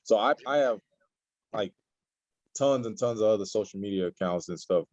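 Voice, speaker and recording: A man's voice: lowish voice, moderate pace, darkish tone, lo-fi sound. A man in his forties from Nigeria, a guest chatting casually in an interview, rambling with many fillers. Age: 40s.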